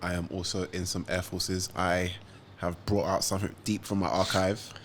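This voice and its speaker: Low-voiced laid-back man. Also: little pitch movement, moderate pace, slight background noise. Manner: laid-back, defends his picks. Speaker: podcast co-host. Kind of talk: casual chat.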